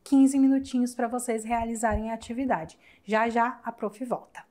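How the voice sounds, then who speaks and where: A woman's voice: a little high, fairly even intonation, warm tone. A young adult woman with a Brazilian Portuguese accent, a teacher explaining a recorded lesson in a chatty, affectionate way, asking questions and answering them herself. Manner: spells out words slowly syllable by syllable. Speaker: Spanish teacher. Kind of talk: recorded online class explanation.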